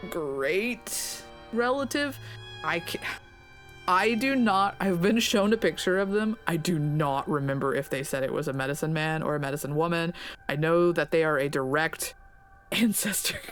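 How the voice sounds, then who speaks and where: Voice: mid-range voice, fairly even intonation, normal speed, fairly bright tone, faint music behind. A let's play streamer from Louisiana chatting casually in a tangent-prone, self-deprecating way, swearing and laughing often. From Louisiana, USA. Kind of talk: casual rambling commentary.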